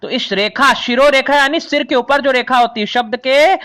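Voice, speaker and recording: High, bright-voiced Hindi grammar teacher. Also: male voice, moderate pace. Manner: explains patiently, repeating and rephrasing terms; addresses students as children. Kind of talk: classroom lesson explaining vowels.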